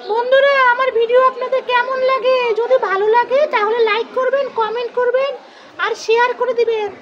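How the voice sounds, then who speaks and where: Give me a very high-voiced woman hosting a kids' vlog, with muffled sound and a crowd behind. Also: brisk. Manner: animated, sing-song, scolding gently. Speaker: vlog host and mother. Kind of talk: playful kids' vlog skit.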